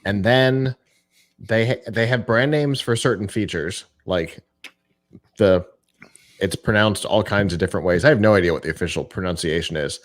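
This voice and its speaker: Deep-voiced man with wry tech commentary. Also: normal speed. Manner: wry, explanatory, chuckles at his own jokes. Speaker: podcast co-host. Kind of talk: casual tech chat.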